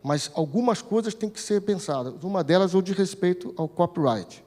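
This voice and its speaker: A Brazilian man, editor-in-chief of a regional TV news outlet, gives an informal conference talk in a large indoor hall with long, echoey reverb. He explains things didactically, often posing questions and answering them himself. His high voice has a darkish tone, lively intonation and a moderate pace.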